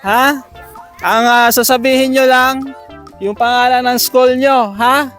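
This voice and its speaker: A man hosting games for schoolchildren outdoors, coaxing and counting down with animated energy. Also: extremely high pitch, slow, faint music behind. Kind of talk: lively outdoor game hosting.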